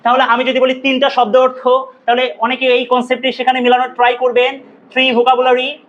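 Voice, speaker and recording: Male grammar teacher, very high and flat, drills words, quizzes class. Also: fairly quick, dull audio, slight background noise. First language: Bengali. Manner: repeats words for drill, asks students questions.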